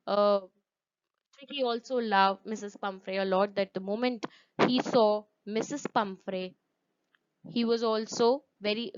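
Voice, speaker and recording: A woman's voice: medium pitch, clean tone. Woman teacher, lo-fi recording. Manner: repetitive, asks the class questions, stresses words with "very, very". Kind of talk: classroom lesson explaining a story.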